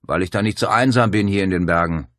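A man voicing a tall, bearded mountain hermit who calls out in a hollow, booming voice and teases with glee. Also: fast talker, a bit bright, no echo, studio quality. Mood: teasing. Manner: booming, teasing, delighted with his own trick.

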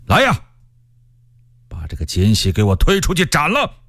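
A man's voice: sits low, animated, a little slow, dry recording, clean studio sound, voice pushed down, exaggerated voice. A male storyteller voicing a stern middle-aged male rebel leader who speaks in a commanding, heavy way.

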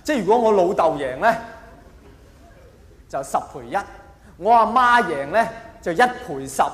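Here a man with a Hong Kong Cantonese accent works the stage as a stand-up comedian, his high, fairly bright voice full of lively intonation at a moderate pace. He keeps it colloquial, exaggerating and firing off rhetorical questions, in an echoey hall with faint noise.

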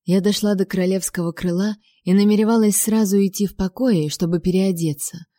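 A woman narrating a first-person audiobook in an even, measured way. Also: mid-range voice, no echo, clean studio sound.

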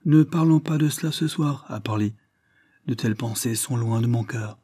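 Curt, decisive lord, read by a man, mellow husky low voice, Victorian audiobook. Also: moderate pace, lightly acted. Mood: grieving. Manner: curt, decisive, brooks no reply.

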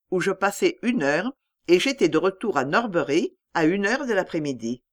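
A woman reading a literary audiobook aloud in a measured, expressive storytelling manner. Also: on the low side. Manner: measured storytelling, lively intonation. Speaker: audiobook reader.

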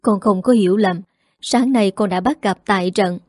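A woman's voice: mid-range voice, normal speed, darkish tone, dry recording, studio quality, natural voice. A woman voicing a jealous wife in her fifties who complains plaintively, read in a storybook.

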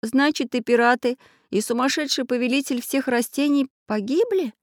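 A woman voices a soft-hearted young boy in a storybook. The tone is lightly raised and gentle. The recording is dry and close. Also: fairly high pitch, animated, moderate pace, creaky, dry recording, pitched above the performer's own voice. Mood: wistful.

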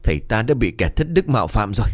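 A man's voice: on the low side, sing-song, fast talker, soft background music. A man voicing a furious, grieving middle-aged village lord who gives harsh, teeth-gritted commands.

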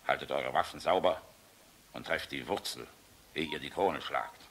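Gravelly, weary German general. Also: male voice, rumbling low, moderate pace, fairly bright tone, slight background noise. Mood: resigned, wry. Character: weary, proud, sardonic middle-aged air force general. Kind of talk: German radio play acting.

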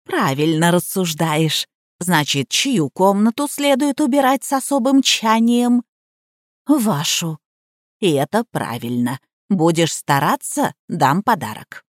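A woman's voice: fairly low pitch, expressive, takes it slowly, dry recording, studio quality. Woman doing a haughty sugary old lady. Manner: cloyingly sweet, then commanding. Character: elderly haughty mother-in-law, sugary yet domineering.

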